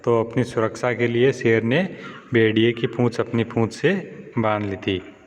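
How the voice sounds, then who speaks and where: A man's voice: medium pitch, little pitch movement, measured pace. A man teaching a children's lesson in in, patiently repeating questions and calling his pupils "beta". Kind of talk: classroom lesson explaining answers. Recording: dull lo-fi audio with long reverb and faint hiss.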